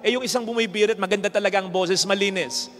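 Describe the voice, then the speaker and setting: Emphatic, high-voiced priest preaching. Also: male voice, fairly even intonation, fast, a bit bright. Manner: emphatic, preaching with rhetorical questions. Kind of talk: sermon. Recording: long hall reverb, faint music.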